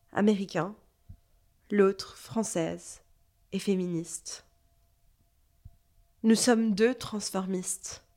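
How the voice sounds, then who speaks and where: Woman w/ parisian french accent reading a personal literary story, measured n introspective, medium pitch, music underneath. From Lebanon. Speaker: narrator telling her own story. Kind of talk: scripted first-person narration, literary.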